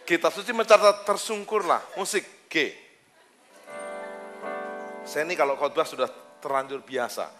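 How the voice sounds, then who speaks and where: A man preaching a lively, joking sermon as pastor, bantering with the congregation on a handheld mic. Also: on the high side, moderate pace, pauses often, music in the background. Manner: joking, teasing, talks casually with listeners. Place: church service hall.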